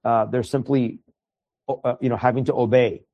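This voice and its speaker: A man's voice: medium pitch, fairly even intonation, moderate pace, mellow. A man from Iran whose first language is Farsi, a guest speaking earnestly in a conversational interview and often repeating words as he starts a thought.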